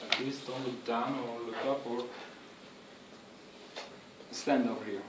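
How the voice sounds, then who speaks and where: An earnest man gives a prepared speech on public speaking, phrasing things in a halting, instructive way. His voice sits at a middling pitch and rings in an echoey room. He is picked up from a distance, with faint background noise. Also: steady tone. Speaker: speech giver. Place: room with an audience.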